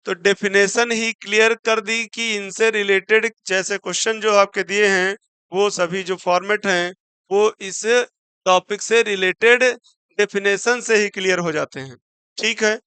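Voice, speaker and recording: This teacher's voice is high-pitched, clear and resonant with a sharp tone and fairly even intonation, in a dry recording. Blending Hindi and English terms in an exam-prep vocabulary lesson, he asks himself questions, spells out words letter by letter, and slows way down for example sentences.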